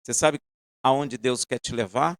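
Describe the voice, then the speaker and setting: A man preaching a sermon, asking the congregation pointed questions and swinging between loud emphasis and quiet asides. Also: mid-range voice, unhurried, no echo, studio quality.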